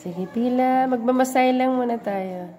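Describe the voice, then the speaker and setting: Casual woman vlogger with a higher-pitched voice, sweet-talking her little dog. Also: unhurried, dark tone, soft background music. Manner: coos and baby-talks to a small dog. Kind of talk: casual vlog chat.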